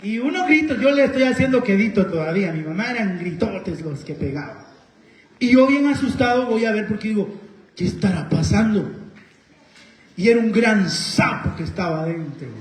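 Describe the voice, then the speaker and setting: A man's voice: high voice, expressive, a little fast. A man with a Honduran Spanish accent preaching a sermon, asking the congregation questions and telling personal stories. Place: church hall. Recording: echoey church hall.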